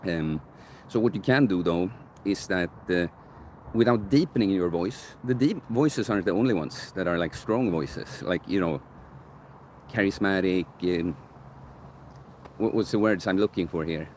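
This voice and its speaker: At a measured pace, a young man with a deep, slightly mellow bass voice livestreams a casual Q&A from a park near sunset as a coach answering viewer questions. He rambles and corrects himself as he thinks aloud, and his handheld phone camera adds a little hiss or hum.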